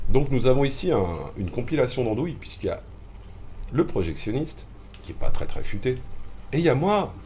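A man's voice: medium pitch, a little mellow, slight background noise. A man streaming a horror game, commentating live, swearing and taunting the enemy with mock drama.

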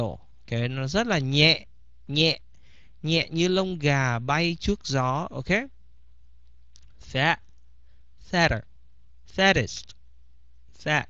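A man's voice: on the high side, pushed and bright, no room sound. A man teaching English vocabulary in a bilingual lesson, repeating each word several times. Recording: slightly dull, dry recording.

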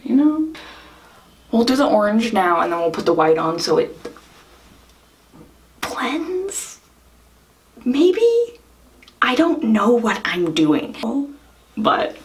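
A woman's voice: medium pitch, gravelly. A young woman from Ireland chatting casually in a makeup vlog, rambling and self-deprecating with frequent giggles. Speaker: vlogger.

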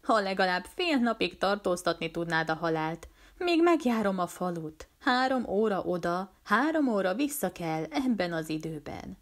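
A woman's voice: mid-range voice, lively intonation, natural voice. Woman playing a blunt, kindly forest man. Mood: urgent. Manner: blunt, scolding, plain-spoken. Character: rough-hearted forest man, blunt but kind. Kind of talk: audiobook character voice.

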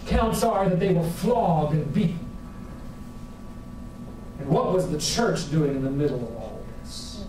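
Ein Pastor in seinen Vierzigern predigt lebhaft und humorvoll. Seine Stimme ist für einen Mann hoch, aufgenommen aus der Ferne in einem stark hallenden Kirchensaal. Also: male voice, fairly high pitch, measured pace, long pauses, noisy background. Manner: folksy, humorous, animated preaching. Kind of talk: sermon with storytelling. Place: church sanctuary with a congregation. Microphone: far camera at the back of the room. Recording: very echoey church hall from far off.

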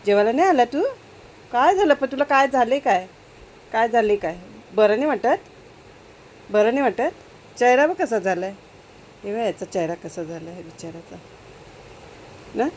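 A woman coaxing her hurt cat to eat, asking the same gentle questions over and over in a cooing pet-talk voice. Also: medium pitch, slight background noise, poor audio. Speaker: cat owner talking to her cat.

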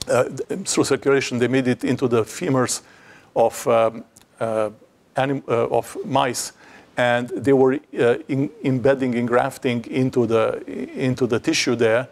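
Middle-aged male lecturer, steady mid-range voice, halting delivery, frequent restarts, lapel mic in a lecture hall. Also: mid-range voice. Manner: halting, many restarts and fillers, dry humor. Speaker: invited seminar speaker. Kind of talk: academic lecture. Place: lecture hall, standing at a projected slide.

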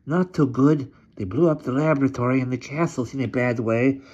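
A man voicing an ancient, sly hunchback servant who talks slowly and ingratiatingly, on a dull lo-fi recording. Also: medium pitch, steady tone, a little mellow, husky, pitched above the performer's own voice, close to an everyday voice. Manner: slow, creeping, ingratiating.

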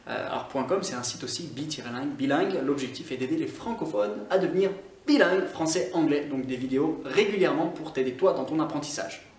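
A man's voice: fairly high pitch, expressive. Scottish man teaching in echoey room. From Scotland. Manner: explanatory, stresses example words slowly. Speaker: online English teacher. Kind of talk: French-language English grammar lesson. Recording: echoey room, somewhat far from mic.

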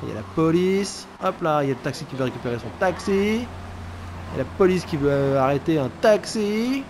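A man with a fairly high voice, speaking at a moderate pace, jokes through a let's play and addresses the character he controls. The commentary is animated and casual, laid over loud game noise with sound effects, sirens and vehicles.

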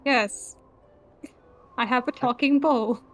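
Woman as a nervous adventurer cook, high voice, hesitant, polite, flustered. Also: slow, a little hiss or hum.

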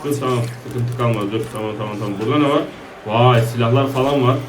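A man giving excitable, joking let's play commentary, shouting at his teammates. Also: medium pitch, fast talker, echoey room, recorded from a distance, a little hiss or hum. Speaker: gaming YouTuber.

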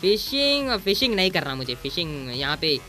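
Gamer guy, casual commentary, bossy and teasing, pitched high, faint music under him. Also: big pitch swings, moderate pace, pushed and bright. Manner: bossy and teasing, mixes in English exclamations. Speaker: gaming YouTuber.

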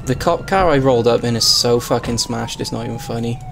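A man's voice: medium pitch, fairly quick, creaky, fairly bright tone, a little hiss or hum. A man streaming a roleplay game, chatting casually and laughing often. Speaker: streamer playing a roleplay server. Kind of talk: casual gaming chat.

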